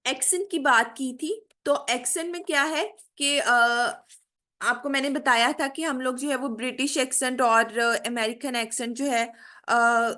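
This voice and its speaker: A woman teaching a spoken English lesson in Hindi, enunciating English example words slowly and often asking "theek hai?". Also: high voice, steady tone, bright, forceful tone. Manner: frequent "theek hai?" check-ins and "uh" fillers. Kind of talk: online spoken English lecture.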